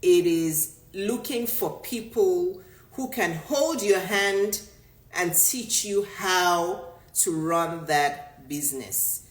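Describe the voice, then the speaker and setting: A middle-aged Nigerian business coach, a native Yoruba speaker, answers a viewer in an emphatic motivational talk, repeating her points for stress. Her voice is on the low side, expressive and slow-paced. The recording has a roomy echo.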